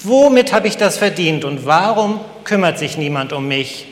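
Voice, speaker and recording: A man's voice: on the high side, fairly bright tone, reverberant, in a large hall, lightly acted. A man putting on a whiny scolding sunflower. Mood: frantic wailing. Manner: whiny, scolding, quick to self-pity. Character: grumpy complaining sunflower, female.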